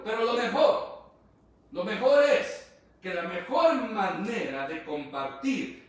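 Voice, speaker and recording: A man preaching a sermon earnestly, often repeating phrases and speaking straight to his listeners. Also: high voice. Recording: very echoey room, voice far from mic.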